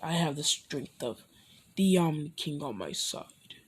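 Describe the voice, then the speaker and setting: A woman voicing an arrogant, all-powerful male fighter who talks in a low, quiet, boastful, threatening way. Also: animated, measured pace, slightly rough, full character voice.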